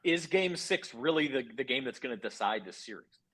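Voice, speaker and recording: A man co-hosting a sports betting talk show, pushing back with measured, reasoned points. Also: mid-range voice, animated, a bit bright. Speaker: sports betting podcast co-host. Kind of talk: casual sports betting debate.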